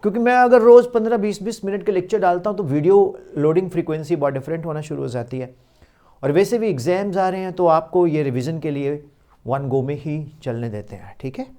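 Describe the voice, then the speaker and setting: A male physics teacher giving a recorded lecture, dictating definitions slowly and mixing Hindi and English. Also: fairly high pitch, warm tone.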